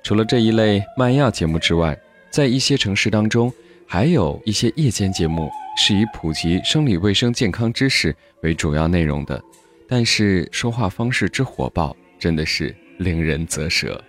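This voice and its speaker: A man narrates a scripted podcast in a calm, reflective tone. His voice sits low. Faint music plays under him. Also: normal speed.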